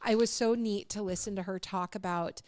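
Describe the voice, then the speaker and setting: A woman's voice: mid-range voice, fairly even intonation, normal speed, a little mellow, dry recording. Chatty woman cohost reading jokes, laughs a lot, dry close mic. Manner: chatty, laughs often, quotes friends. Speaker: podcast co-host. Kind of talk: casual chat, reading jokes aloud.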